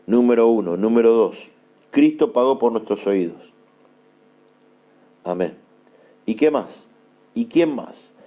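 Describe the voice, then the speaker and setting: A man preaching a sermon in an Argentine accent, emphatic and repeating key phrases slowly for his listeners to note down. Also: mid-range voice, expressive, warm tone. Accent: Argentine Spanish. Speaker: apostle preaching.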